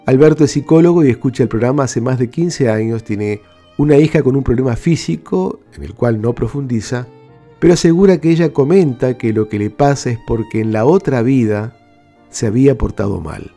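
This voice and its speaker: A man hosting a radio program, calmly telling stories and reading out letters from listeners. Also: medium pitch, fairly quick, faint music behind. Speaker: radio host.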